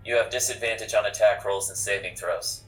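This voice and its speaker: A man with a fairly low voice hosts a tabletop role-playing game. He narrates scenes in a casual, improvised way as game master. He sits a little away from the mic, with music underneath. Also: steady tone, a little fast, far from the mic, low-quality recording.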